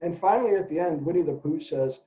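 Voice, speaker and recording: Middle-aged man, educator, animated storyteller, mellow tone, echoey room. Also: on the high side, quick pace. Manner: animated storytelling, doing character voices. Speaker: educator presenting to parents. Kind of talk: presentation for parents. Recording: echoey room, dull lo-fi sound.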